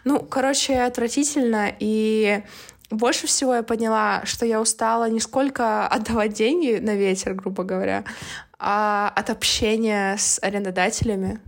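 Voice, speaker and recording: A woman's voice: fairly high pitch, fairly even intonation, normal speed. A woman co-hosting a podcast in casual, slangy, hesitant chat, with a slight lisp that makes her s and sh slushy. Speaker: podcast co-host.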